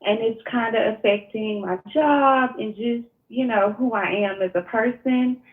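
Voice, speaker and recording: A woman's voice: on the high side, unhurried. A woman with a Mississippi accent speaking hesitantly and personally as a caller seeking coaching, searching for her words. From Mississippi, United States. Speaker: call-in coaching client. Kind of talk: personal, unscripted phone conversation. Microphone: phone call. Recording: tinny narrow-band phone line.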